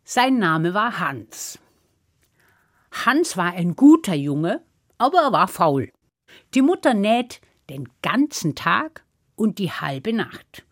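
A woman telling a fairy tale to children in a lively, playful way, acting out the characters with big swings in her voice. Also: medium pitch, slow pace, dry recording, studio quality. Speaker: storyteller. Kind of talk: storytelling for children.

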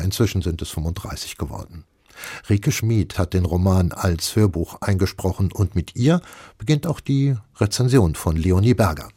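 A man reads a scripted radio introduction. His voice is low and husky with a dark, mellow tone. The studio sound is dry. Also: dry recording. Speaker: radio presenter.

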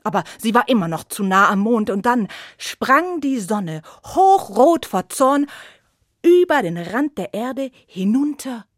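A woman telling a fairy tale for small children in a slow, unhurried voice, full of expression and sinking into whispers at tense moments. The recording is dry and close. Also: on the high side, no room sound. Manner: expressive, dropping to a whisper for suspense. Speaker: storyteller.

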